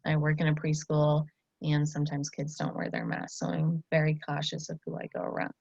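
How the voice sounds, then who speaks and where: Her voice is low, creaky and darkish, a little fast, with lively intonation. She's an early-20s student teacher from Iowa, praising and encouraging a child one-on-one, recorded lo-fi in a dull, echoey room.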